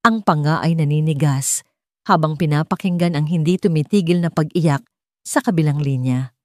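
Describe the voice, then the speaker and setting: A Filipino woman narrates a dramatic audiobook story in a low voice at normal speed, following scripted phrasing throughout. The recording is dry and close, with no echo.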